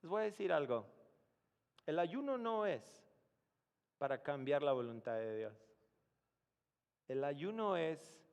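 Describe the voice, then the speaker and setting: A male pastor preaching a sermon, telling a story dramatically, dropping to a hush and then rising to shouts. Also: on the high side, sing-song, takes it slowly, long pauses, smooth, big-room sound. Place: church.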